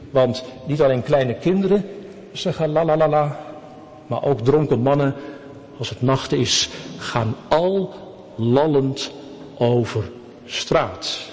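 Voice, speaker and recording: A man's voice: on the high side, lively intonation, measured pace, pauses often. A man preaching a sermon to his congregation, asking them questions as he goes. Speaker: pastor. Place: church. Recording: long reverb of a church hall.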